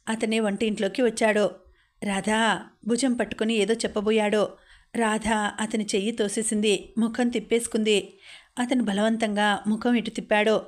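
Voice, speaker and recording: Woman audiobook narrator: steady, measured, monotone. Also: on the high side. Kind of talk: novel read-aloud narration.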